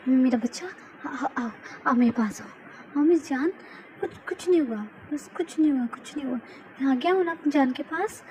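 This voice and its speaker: A woman's voice: high-pitched, a little mellow, slight background noise. A woman voicing a hot-tempered young male mafia boss in a fan audio drama, talking emotionally with repeated stammers.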